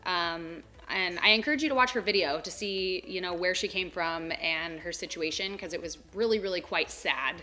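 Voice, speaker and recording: A young woman talking about her pets in a casual home vlog, her voice bright and clear. She chats on easily, full of "um" and "like", and is a little out of breath. She sounds at ease and talks straight to her viewers. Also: lowish voice, moderate pace, hardly any pauses. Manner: chatty, filler-heavy with frequent "um" and "like". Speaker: pet vlogger. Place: home animal room.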